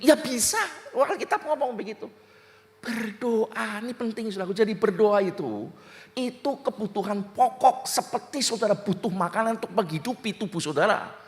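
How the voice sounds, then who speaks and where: A man preaching a sermon as pastor, telling stories with many asides to the congregation. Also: extremely high pitch. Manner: lively storytelling, frequent asides to the congregation. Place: church hall. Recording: long reverb of a church hall.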